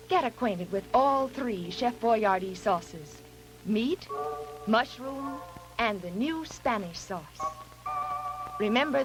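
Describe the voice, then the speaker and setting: 1950s tv food ad lady, coaxing and sweet, a bit high, music clearly under her. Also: rough recording. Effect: old 1950s TV broadcast audio. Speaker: commercial voice-over. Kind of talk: 1950s TV cooking commercial voice-over.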